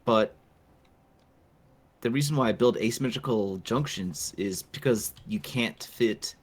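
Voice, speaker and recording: A man co-hosting a casual video game review, speaking calmly and matter-of-factly. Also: mid-range voice, measured pace. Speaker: co-host. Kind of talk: casual gameplay review chat.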